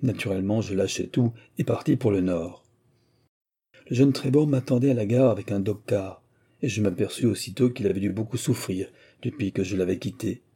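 A man narrating an audiobook in the first person, reading in a steady, measured way. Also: on the low side, husky.

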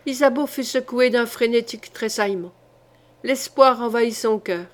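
Woman, audiobook narrator, fairly high voice, measured, dramatic reading of a historical novel. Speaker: audiobook reader.

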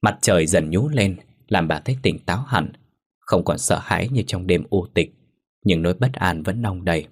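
A man narrating a ghost story in a steady, solemn manner. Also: deep voice, normal speed, husky.

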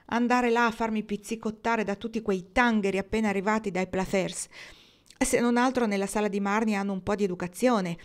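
A woman's voice: mid-range voice, steady tone, a little fast, voice pushed up, natural voice. A woman reading as a strong-willed young pianist. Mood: upset. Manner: pleading, sharp outbursts.

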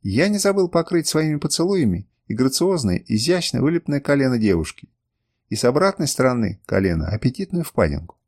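A man narrating a first-person audiobook in a measured, expressive reading. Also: mid-range voice.

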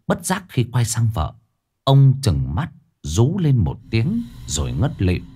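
A man's voice: mid-range voice, wildly swooping pitch, slow, dark tone, a little hiss or hum. A man narrating a scripted ghost story in a dramatic, suspenseful way. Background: faint background music.

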